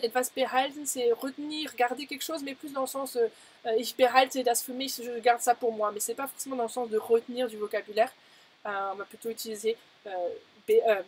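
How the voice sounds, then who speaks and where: A woman teaching German in a live lesson, chatty and full of fillers, slowing down carefully on each example phrase. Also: fairly high pitch, breathy edge. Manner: chatty, many "euh" fillers, slows down to model German phrases. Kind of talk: live-streamed language lesson.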